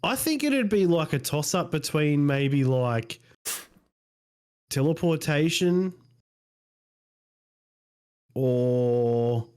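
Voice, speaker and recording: A man's voice: fairly high pitch, lively intonation, very slow, long pauses, darkish tone, clean tone. Hesitant, easygoing Australian man. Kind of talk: casual chat between mates.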